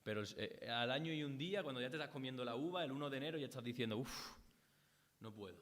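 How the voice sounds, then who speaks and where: A man's voice: mid-range voice, racing, a bit bright, a little hiss or hum. A man from Spain, with a Spanish accent, preaching a sermon in earnest tones, repeating phrases and quoting scripture. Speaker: pastor. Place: church hall. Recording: long church hall reverb.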